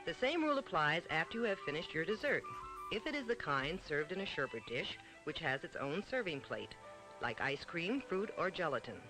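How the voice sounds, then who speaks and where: On a vintage 1950s-60s film soundtrack with music, a man reads scripted instructional narration in a formal, didactic manner. His voice sits on the high side with big swings in pitch, the pace is a little quick, and the audio is poor.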